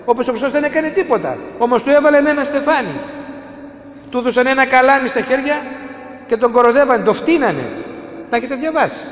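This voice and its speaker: A man with a high voice delivers an emphatic sermon, full of rhetorical questions. He swings between raised, urgent lines and hushed ones. The sound rings through a reverberant hall with a long, lingering tail. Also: lively intonation. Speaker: preacher.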